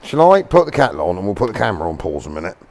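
A man's voice: low voice, sing-song, rapid-fire, darkish tone. A man hosting a car-repair video, chatting and joking as he works in a workshop. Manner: chatty, jokey, thinking aloud. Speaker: channel host. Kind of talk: casual workshop chat. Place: garage workshop.

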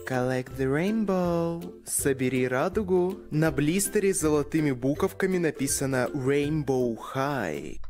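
A man's voice: on the high side, animated, measured pace, few pauses, a little mellow, faint music behind. A young man presenting a scripted, upbeat toy review as a video creator. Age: young adult. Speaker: doll review YouTuber.

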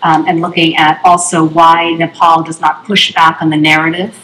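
A woman summarizing the audience's questions in an even, measured way. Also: sits low. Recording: echoey hall with faint room noise.

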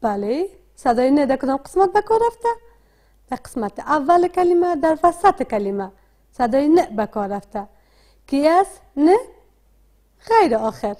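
A woman with a Dari accent teaching a literacy lesson, asking questions and answering them herself in a slow, deliberate way. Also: high-pitched, very animated, dark tone. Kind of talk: classroom lesson.

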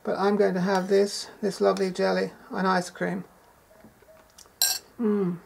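A woman's voice: medium pitch, level tone, unhurried, vocal fry, darkish tone, a little hiss or hum. A woman talking in a casual cooking vlog in a shearing shed kitchen, chatty and enthusiastic, savoring each taste aloud. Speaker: home gardener and cook.

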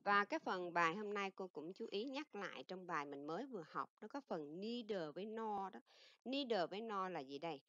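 A middle-aged woman teacher with a Vietnamese accent talks through a grammar lesson, slowing down to read each English example. Her voice sits at a medium pitch. It comes through a dull, lo-fi recording with a dry, close sound. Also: lively intonation, a bit bright, no room sound. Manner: explains in Vietnamese and reads English examples slowly.

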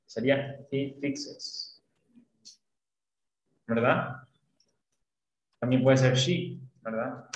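A man's voice: medium pitch, drawn-out words, long pauses, roomy sound, dull audio. A man teaching an online English class, explaining patiently and often checking that students follow. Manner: patient, often checks understanding with tag questions.

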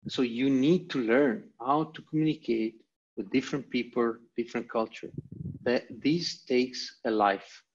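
Unhurried and husky at a medium pitch, an Italian-accented man from Italy presents a motivational online lecture as a guest presenter. He speaks over a video call in repeated, emphatic short phrases, captured in dull, lo-fi audio.

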